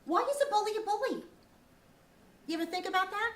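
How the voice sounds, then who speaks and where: A woman's voice: extremely high pitch, a little fast, a bit bright. A woman teacher giving an earnest, upbeat school lecture to children, asking questions and repeating their answers. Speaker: teacher leading a school lesson. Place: echoey school room. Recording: roomy, distant mic, faint background noise.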